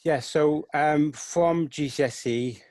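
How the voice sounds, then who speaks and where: Speaking slowly in a slightly high, darkish voice, this Welsh man in his thirties uses a headset with no room sound. He gives earnest, enthusiastic casual interview answers about his photography over a video call.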